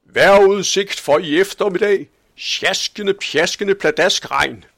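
A man voicing an old, long-bearded man who shouts weather forecasts from a tower balcony in a storybook reading. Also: high voice, gravelly, no echo, studio quality, voice pushed up. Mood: announcing. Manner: loud announcing calls from a balcony.

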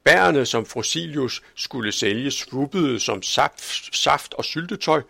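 A man narrating a children's story as an audiobook, reading in a calm, measured storytelling way. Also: medium pitch, gravelly, dry recording.

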